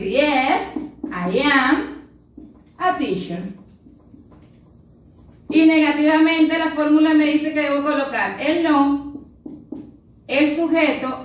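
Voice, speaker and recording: A woman's voice: high-pitched, a bit bright. A woman English teacher giving a recorded classroom lesson, explaining step by step and checking in with "ok?" after each point. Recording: very echoey room, voice from a distance.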